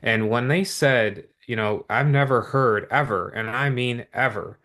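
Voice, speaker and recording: A man with an ordinary middle-pitched voice pitches a business opportunity to an online audience, his energy steady and eager. His upbeat sales patter is repetitive and motivational, circling back to his points with quick asides and rhetorical questions.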